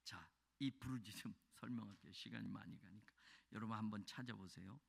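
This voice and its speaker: Man, pastor, sermon, loud fervent peaks, conversational asides, long church-hall reverb. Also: on the low side, fairly quick, creaky, slightly rough. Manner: swings from shouting fervor to quiet, conversational asides. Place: church sanctuary.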